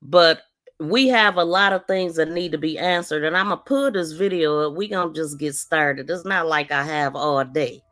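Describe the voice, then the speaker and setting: This livestream podcast host is a woman with a deep, slightly bright voice who speaks at a moderate pace. She chats casually and directly with her audience while commenting on true crime.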